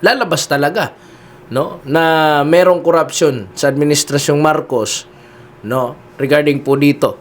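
A man with a fairly high, unhurried voice hosts political commentary, speaking directly to his listeners. He keeps addressing them and tags his sentences heavily with "no?" and "di ba?"

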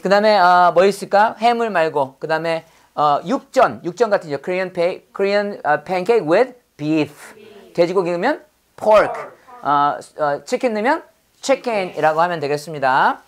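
A middle-aged woman teaches English words by drilling them slowly, again and again. Her fairly low voice swings widely in pitch as she prompts her students to repeat each phrase after her. She keeps a patient, unhurried pace throughout. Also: animated. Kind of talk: drilling lesson with call-and-repeat.

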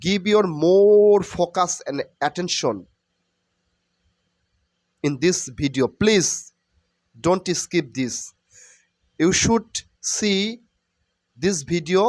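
Slow earnest man teaching letters. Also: on the high side, dry recording. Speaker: English pronunciation teacher. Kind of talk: spoken lesson mixing Bengali and English.

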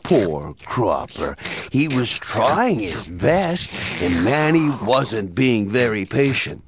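A man narrating a children's cartoon story in a gentle, measured way. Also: mid-range voice, big pitch swings, crowd noise. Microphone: studio voice-over. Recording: music bed under the voice.

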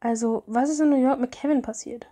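A woman puts on a gushing young bride for a mobile story game, her voice pitched up and eager. The tone underneath stays mellow and soft-edged. She reads every line as warm, breathless welcome. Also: steady tone, fairly quick. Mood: friendly.

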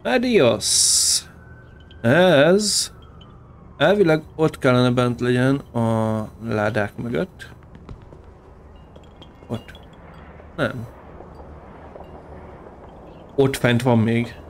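A gaming channel host gives casual let's-play commentary, excitedly swearing and taunting on-screen enemies. His pitch is medium, he leaves long pauses, and there's slight background noise.

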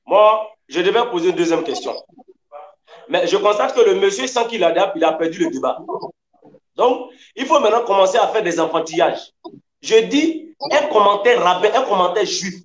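High voiced guy arguing hard in a debate, keeps repeating himself, echoey. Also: expressive, normal speed, lo-fi sound. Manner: combative, emphatic, repeats his points. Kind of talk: heated debate. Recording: echoey room sound.

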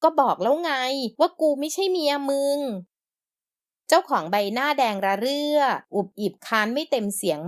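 A woman reading a romance novel aloud in a steady, scripted storytelling voice. Her pitch sits a little high and her delivery stays even and smooth. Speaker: audiobook narrator.

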